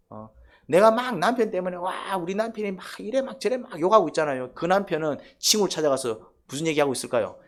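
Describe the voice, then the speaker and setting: Gyeongsang preacher guy, kinda high voice, bouncy delivery, keeps asking the congregation questions. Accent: Gyeongsang Korean. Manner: rhetorical questions, repeated emphatic prodding; colloquial, acts out quotes. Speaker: pastor. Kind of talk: sermon.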